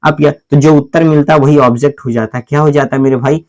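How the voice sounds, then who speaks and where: Teaching grammar as if in a classroom, a man with a voice on the high side and a darkish, steady tone asks questions and answers them himself again and again. He addresses the viewer as "my brother" and spells out letters in a slow, deliberate way.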